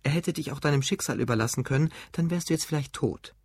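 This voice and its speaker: A composed, cutting young wife in an audiobook, as a man puts her on, pitched a little higher than his own voice. She speaks matter-of-factly in a husky, dry voice. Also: fast talker, darkish tone, no echo. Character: calm, sarcastic young wife and mother.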